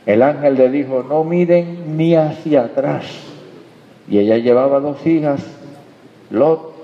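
Man, preacher, emphatic sermon, reverberant church hall, muffled lo-fi recording. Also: mid-range voice. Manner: emphatic preaching, rises and drops in loudness. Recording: dull sound in a reverberant hall.

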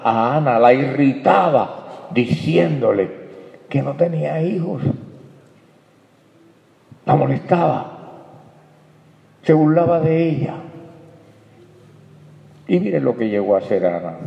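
A man's voice: medium pitch, vocal fry. A man preaching a sermon on scripture, emphatic, asking rhetorical questions and calling his listeners brother. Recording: echoey hall, dull sound.

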